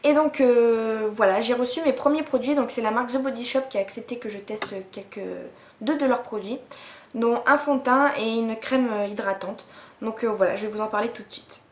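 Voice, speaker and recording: A woman's voice: a little high, brisk, reverberant, a little hiss or hum. A woman in her twenties reviewing beauty products in a chatty vlog, with many fillers and restarts. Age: 20s. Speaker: beauty vlogger.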